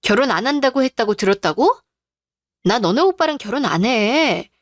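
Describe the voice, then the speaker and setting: A woman's voice: a little high, expressive, moderate pace, no room sound, studio quality, natural voice. A woman voicing a young female business owner in a radio drama, talking in a curt, scolding way. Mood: cold.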